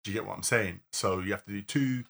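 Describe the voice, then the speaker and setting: A man's voice: lowish voice, fast talker, creaky, a bit bright. A man with a London accent chatting casually as a podcast co-host, slangy and rambling, often searching for words. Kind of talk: casual chat.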